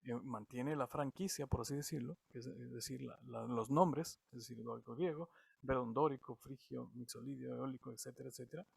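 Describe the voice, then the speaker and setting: A man from Latin America giving an online music theory lesson, halting and often repeating words as he explains. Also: mid-range voice, vocal fry, darkish tone, breathy edge, no echo, studio quality. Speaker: music teacher.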